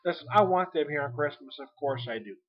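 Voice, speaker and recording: A man's voice: a little high, lively intonation, quick pace. A man in his forties chatting casually as a beer vlogger, rambling and folksy, laughing often between thoughts. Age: 40s. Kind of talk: casual chat. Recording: lo-fi home recording.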